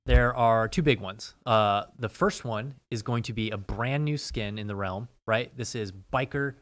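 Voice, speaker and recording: A man's voice: on the low side, a little slow, a bit bright. A man presenting game updates as a developer in casual, explanatory show talk.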